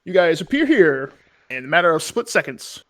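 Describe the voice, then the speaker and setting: A man narrating a tabletop game as game master, casually and haltingly, searching for words. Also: on the high side, very animated.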